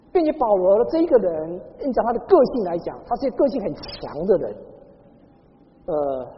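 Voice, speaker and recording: A woman pastor from Taiwan preaching a sermon, telling stories and calling for answers from the congregation. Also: on the high side. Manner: lively storytelling with call-and-response to the congregation. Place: church hall. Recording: dull sound in a large echoing hall.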